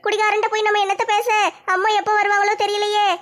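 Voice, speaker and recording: A woman playing a young college-age daughter in a comedy skit, standing up to her drunken father. Her voice is very high, bright and quick, held on a narrow, insistent tone. She scolds and pleads by turns. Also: monotone. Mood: defiant.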